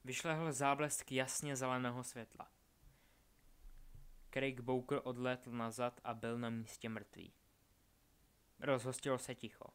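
A man narrating a dark fantasy story in a low, measured voice. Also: level tone, clean tone. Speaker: audiobook narrator.

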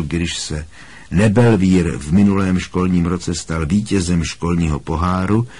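A man calmly narrating an audiobook in a measured reading style. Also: sits low, breathy edge.

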